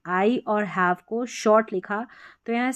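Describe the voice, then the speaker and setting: A woman's voice: mid-range voice, fairly bright tone, smooth, no room sound. Indian woman teaching grammar, dry sound. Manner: explains step by step, repeats examples slowly. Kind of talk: exam-prep grammar lesson.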